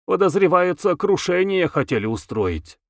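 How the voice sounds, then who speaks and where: A man's voice: high voice, big pitch swings, moderate pace, no room sound, clean studio sound, pitched above the performer's own voice. A man doing a lecturing, fawning passenger. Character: preachy, servile middle-aged man in a fur coat. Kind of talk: audiobook character voice.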